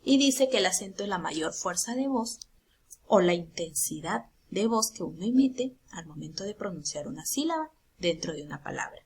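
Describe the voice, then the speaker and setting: Peruvian lady teacher going over grammar with kids, kinda breathy voice, patient, keeps asking right?. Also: fairly low pitch. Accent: Peruvian Spanish. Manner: patient, explanatory, asks the class frequent check questions. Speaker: primary school teacher. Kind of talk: recorded grammar lesson for children.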